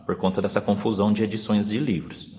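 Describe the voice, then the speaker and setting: A man with a Brazilian Portuguese accent, a teacher explaining a lesson step by step and slowly sounding out syllables for young pupils. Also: on the low side, flat delivery, dark tone, long reverb tail. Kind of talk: remote class video lesson.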